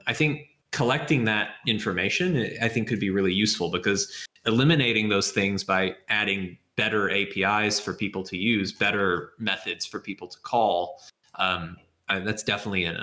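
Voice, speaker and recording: Man, low pitch, bright edge, thinks aloud step by step, echoey room, keyboard typing behind. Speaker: software developer answering questions. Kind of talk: live Q&A with screen demo.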